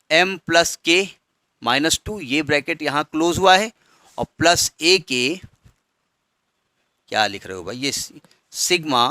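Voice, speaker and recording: A man's voice: on the high side, bright, forceful tone, no echo. A man teaching a maths lesson step by step, patiently asking students questions as he works. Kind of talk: blackboard maths lecture.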